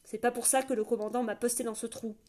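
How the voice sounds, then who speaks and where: A woman's voice: fairly high pitch, fairly even intonation, fast talker, darkish tone, natural voice. A woman voicing a burly, coarse soldier who speaks with a sneer. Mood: mocking. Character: burly mocking soldier man.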